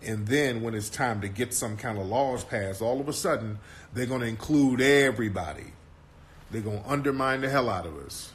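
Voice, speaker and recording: A man's voice: medium pitch, normal speed. A man hosting a casual commentary talk in a brash, mocking and profane way. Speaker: host.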